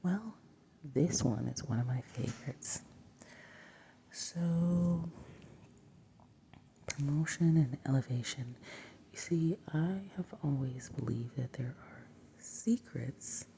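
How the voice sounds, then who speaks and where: A woman whispering softly as she teaches from the Bible early in the morning, reading verses aloud and breaking them down. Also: deep voice, vocal fry, slight background noise. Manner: soft whisper, slow and deliberate; reads verses aloud and then unpacks them. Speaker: Bible teacher and video host.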